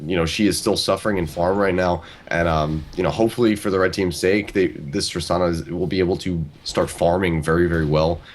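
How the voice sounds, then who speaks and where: A man calling a video game match as a play-by-play commentator, talking rapidly like an auctioneer. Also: sits low, fairly even intonation, slight background noise. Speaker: esports commentator.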